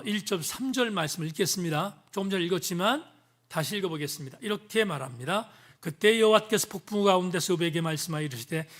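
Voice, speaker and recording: A male pastor preaching in a church, with a high, bright, sharp voice. He speaks directly to the congregation and keeps asking them rhetorical questions. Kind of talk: sermon.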